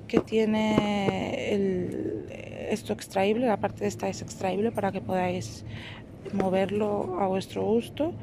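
A woman's voice: mid-range voice, background noise. A woman vlogger chatting casually as she walks through a store aisle, hesitating with fillers while she reads product labels. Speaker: shopping vlogger. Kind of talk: casual shop walkthrough. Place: indoors in a large store aisle. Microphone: phone held while filming.

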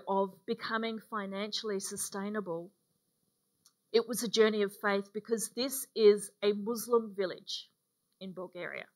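A middle-aged woman delivers a sermon from the lectern of a church stage. Her pitch sits in the ordinary middle range, and her telling is conversational and unhurried, dotted with ums. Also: fairly bright tone. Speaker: preacher. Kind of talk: sermon with a mission story. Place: dark church stage, indoors.

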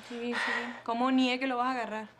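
An actress playing a gossipy, sharp-tongued friend in a telenovela. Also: female voice, on the high side, level tone, fast talker, natural voice. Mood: soothing. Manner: gossipy, mocking and soothing. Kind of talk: telenovela acting. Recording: soap opera scene with music behind.

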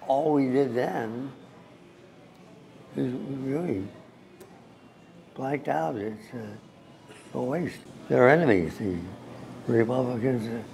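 A very old American man, over a hundred, speaking in a halting, drawn-out way in an interview. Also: mid-range voice, creaky, darkish tone, low-quality recording. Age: 101. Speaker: World War Two veteran being interviewed. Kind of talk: interview reminiscence. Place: indoors in a restaurant. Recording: faint background noise, indoor location interview.

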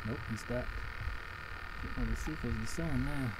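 Fishing guide, drawl, far off the camera mic, heavy frog and outdoor noise. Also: male voice, mid-range voice, moderate pace. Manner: excited play-by-play, coaxing the fish. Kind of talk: casual on-the-water fishing commentary. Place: outdoors on a boat on a lake. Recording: distant outdoor mic, loud frog croaks behind.

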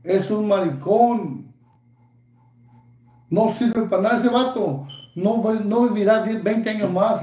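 A man's voice: high voice, mellow, echoey room. A Mexican man in his fifties ranting angrily in a vlog, taunting and cursing constantly. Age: 50s. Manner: angry, profane, taunting. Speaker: YouTuber.

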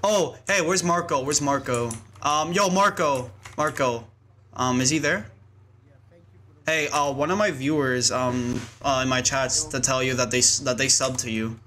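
A man's voice: medium pitch, a little slow, bright, forceful tone, slight background noise. A man live-streaming a game, chatting casually and rambling with lots of fillers and laughs.

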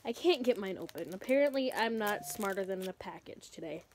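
A young woman co-hosting a casual snack taste test, soft-spoken and hesitant, with wry little remarks. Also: mid-range voice, lively intonation, fairly quick, a little hiss or hum. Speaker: co-host.

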